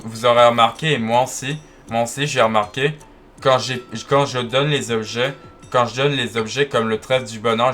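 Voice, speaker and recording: A man commenting casually on his gameplay, chatty and talking straight to his viewers, often restarting his sentences. His voice sits at a middle pitch, with game music clearly playing underneath. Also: bright, forceful tone. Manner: chatty, full of restarts, addresses viewers directly. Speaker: gaming video creator.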